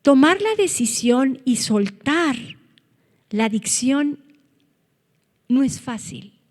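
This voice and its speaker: A woman preaching a sermon, earnest, rising to loud cries when she quotes scripture. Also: high-pitched, lively intonation, slow pace, long reverb tail.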